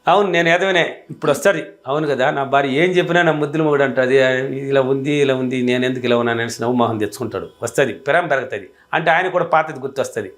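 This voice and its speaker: Fast-talking emphatic male life coach. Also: medium pitch, fairly bright tone. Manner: emphatic and repetitive, acting out little dialogues. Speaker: motivational speaker and relationship coach. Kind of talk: motivational advice talk.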